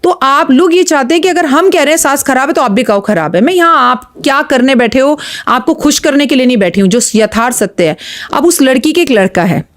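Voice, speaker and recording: A woman astrologer speaks as a podcast guest in a slightly high voice. Her tone is blunt, emphatic and preachy as she gives advice. She often retells stories in quoted dialogue. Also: lively intonation, fairly quick.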